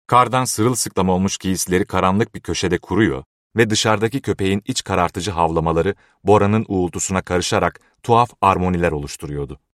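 A deep-voiced man, working as an audiobook narrator, reads a novel in measured, even storytelling. The scripted narration has clean studio sound with no room sound.

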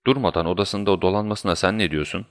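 A man voicing the detective's eager male companion, quick to voice suspicions, in a deep voice. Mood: suspicious.

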